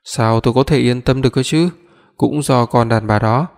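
A sharp-tongued older mother scolds her son, voiced by a man reading an audiobook. Her voice is plain and middling in pitch. A long reverb trails behind it. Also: moderate pace, lightly acted. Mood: scolding.

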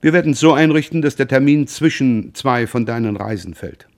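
Man voicing a calm young brother. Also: mid-range voice, normal speed, pitched above the performer's own voice, natural voice. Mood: easygoing.

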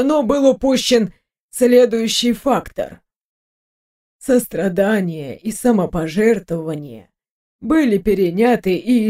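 A woman's voice: medium pitch, warm tone, natural voice. A woman reading an audiobook, voicing a detached, formal recorded lab report. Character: cold official lab report voice.

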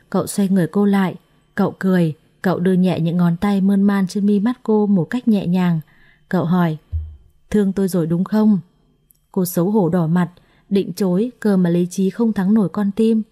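A woman tells a story in a steady, expressive way. Her voice is mellow and sits at a middle pitch. She reads from a script. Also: moderate pace. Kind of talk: scripted narration.

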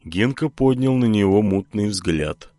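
A man narrating an audiobook in an expressive way. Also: lowish voice, measured pace, dry recording.

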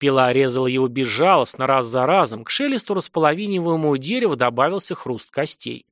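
Male audiobook narrator, animated delivery, dry booth. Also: mid-range voice, fairly quick, no room sound. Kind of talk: scripted dramatic narration.

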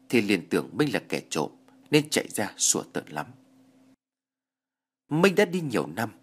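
Low, husky male narrator with an animated pitch, for a horror story.

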